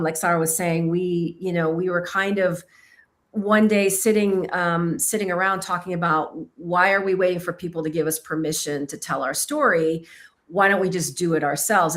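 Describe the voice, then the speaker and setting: A woman from Kentucky talks through her work as a filmmaker and author in a casual interview. Her voice sits a little low, and she is reflective and self-deprecating, pausing and hunting for the right phrase. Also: steady tone, fairly bright tone. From Kentucky, United States. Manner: thoughtful, self-deprecating, searching for words.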